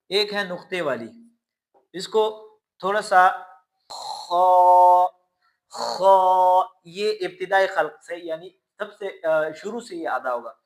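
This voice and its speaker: A man teaching Quran pronunciation, stretching out each letter sound and then calmly explaining how to make it. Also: high voice. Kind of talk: slow letter-by-letter pronunciation lesson.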